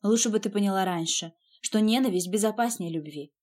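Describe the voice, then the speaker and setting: A woman reading the part of an icy, clipped rich husband from a spoken romance novel. The voice stays flat and measured, and it sits a little high because the narrator keeps her own voice. Every line is short and cold. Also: natural voice. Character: cold, curt wealthy husband, man.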